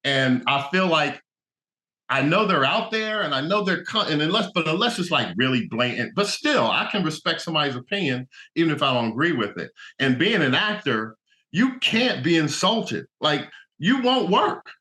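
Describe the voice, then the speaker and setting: A middle-aged man from New Jersey talks through his thoughts in a casual interview. His tone is bright and forceful, and he keeps circling back with "you know" as he works out what he means. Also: fairly high pitch, sing-song, moderate pace. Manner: reflective, many "you know" fillers. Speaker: guest, actor and motivational speaker.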